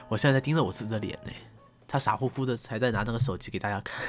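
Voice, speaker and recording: A young man hosts his channel, chatting casually and fast to camera in a mid-range voice over soft background music. He's playful and teasing, mocks himself jokingly, and exaggerates English words, recorded on a desk condenser mic.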